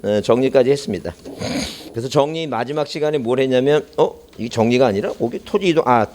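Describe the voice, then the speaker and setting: A man's voice: mid-range voice, animated, fairly quick, a little mellow, slight background noise. A man giving an exam-prep lecture in an academy classroom, his voice muffled by a face mask, rambling in asides and then quizzing the class with rhetorical questions. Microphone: speaker mic worn behind a face mask.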